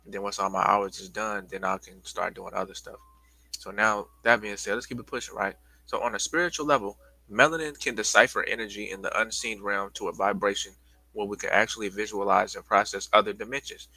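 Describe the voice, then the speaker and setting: A man leads a casual livestream talk, stumbling over restarts and stopping to catch his breath. His voice is a touch low yet bright and pushing. The sound is dry and close, with no room around it. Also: steady tone, fairly quick, creaky, dry recording, poor audio. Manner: loose, repetitive, addresses viewers as y'all. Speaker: livestream host giving a presentation.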